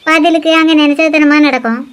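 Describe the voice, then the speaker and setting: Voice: sits high, steady tone, fairly quick, fairly bright tone. Someone voicing a bossy nosy village granny. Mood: prying. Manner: scolding, prying, lecturing. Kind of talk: cartoon voice acting.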